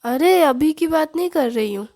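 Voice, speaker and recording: A woman voicing a bossy, loud middle-aged mother who scolds and teases her children. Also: sits high, lively intonation, moderate pace, pitched above the performer's own voice. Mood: scolding. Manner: scolding, teasing, commanding.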